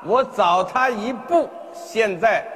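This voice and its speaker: A man playing a scheming phone scammer posing as a police officer in a stage comedy sketch, who gives stern orders and often shouts. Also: sits high, takes it slowly. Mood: bossy. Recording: reverberant hall with noise.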